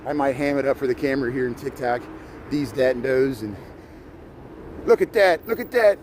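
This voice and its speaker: Speaking in an expressive, slightly mellow mid-range voice at a moderate pace, a middle-aged livestream host from Indiana chats casually with viewers. He walks snowy city streets amid traffic and city noise, has a Chicago-Midwestern accent mix, and frequently repeats words.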